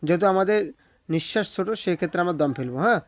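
A man teaching recitation step by step, spelling letter by letter with patient explanations and slowly drawing out each recited word in a sing-song way, in a Bangladeshi Bengali accent. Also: high-pitched, expressive, dry recording. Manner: slow sing-song drawn-out recitation of words.

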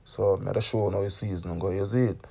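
A man's voice: low-pitched, fairly even intonation, quick pace, creaky, a little mellow, breathy edge. Jamaican man chatting while he cooks. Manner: chatty, keeps asking "you get me?". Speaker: cooking channel host. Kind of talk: casual cooking demonstration. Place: home kitchen, indoors.

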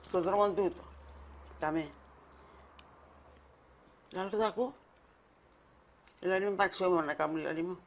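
Μια ηλικιωμένη γυναίκα με κυπριακή προφορά δίνει μαρτυρία σε συνέντευξη ντοκιμαντέρ, μιλώντας διστακτικά και επαναλαμβάνοντας λέξεις. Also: female voice, on the low side, fairly even intonation. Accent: Cypriot Greek. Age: older. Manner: halting, repeats words while recalling. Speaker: mother of the fallen soldier. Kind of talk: documentary interview testimony.

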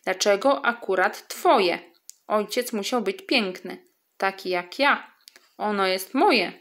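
A woman's voice: mid-range voice, slow pace, fairly bright tone. Give me a vain, haughty storybook peacock, voiced by a woman, huffy and proud. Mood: indignant. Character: vain, indignant male peacock.

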